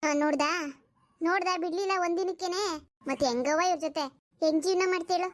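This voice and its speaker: A woman's voice: extremely high pitch, quick pace, dry recording. Woman voicing blunt scolding village women. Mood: sympathetic. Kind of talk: cartoon voice acting.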